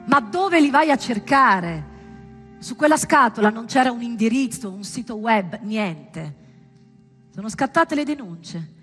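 A woman with a slightly high, fairly bright voice gives a theatrical monologue as a stage performer, speaking dramatically, deliberately, and with strong emphasis.

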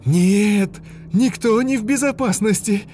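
A wounded young survivor woman, hoarse and half out of her mind with terror, screaming far above a normal voice. A man reads her aloud in an audiobook. Her cries come out raw and shaking. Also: sits high, takes it slowly, a little hiss or hum, voice pushed up. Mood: panicked screaming. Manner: panicked shouting.

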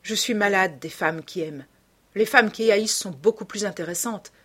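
A woman voicing a proud, tormented young gentleman who turns from weary to furious shouting. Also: medium pitch, moderate pace, slightly rough. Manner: weary, then shouting in anger.

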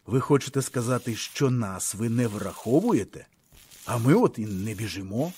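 A man voicing a weary young male soldier who speaks calmly with dry irony. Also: mid-range voice, moderate pace, slightly rough, pitched below the performer's own voice. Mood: calm ironic. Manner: calm, drily ironic.

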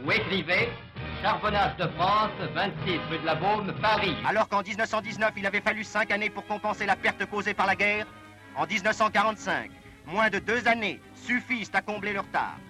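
A man's voice: sits high, rough recording. Fields: Voice: male newsreel announcer. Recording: old newsreel. Behind: music. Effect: old newsreel soundtrack played back. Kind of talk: scripted newsreel narration.

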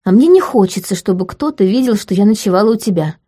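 Brief: woman reading a prickly, jealous young heroine, mellow voice, audiobook. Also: medium pitch, lively intonation, fast, lightly acted. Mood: indignant. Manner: indignant, defensive. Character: young orphan girl, a proud, jealous student. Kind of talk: audiobook character voice.

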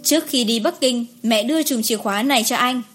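Woman voicing a calm, patient young husband. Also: a little high, quick pace, slightly rough, faint music behind. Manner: calm, gentle.

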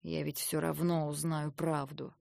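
A woman voicing a stern, menacing young man who questions a captive in low, insistent tones. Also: fairly even intonation, moderate pace, vocal fry, darkish tone, no echo, clean studio sound. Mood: quiet menace. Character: stern, menacing young male otherworldly captor.

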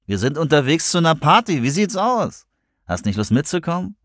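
A man voicing a smug, pushy young man who speaks in a slow, sneering drawl. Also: fairly high pitch, sing-song, dry recording, studio quality, pitched above the performer's own voice. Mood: leering.

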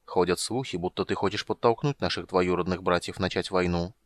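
A man reading an audiobook, voicing a tall old dwarf advisor who speaks slowly, respectfully and with measured restraint. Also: sits low, no echo, studio quality, close to an everyday voice. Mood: calm.

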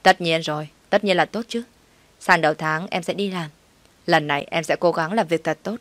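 A sharp-tongued younger sister in a spoken story, blunt and sarcastic, read by a woman. Her voice sits low and sounds close and dry. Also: moderate pace, no echo, lightly acted.

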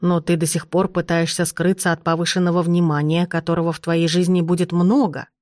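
A woman voicing an elderly duchess grandmother, imperious and sharp-tongued, who talks in slow, commanding, clipped phrases. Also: fairly low pitch, little pitch movement, no echo, studio quality, close to an everyday voice. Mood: tender.

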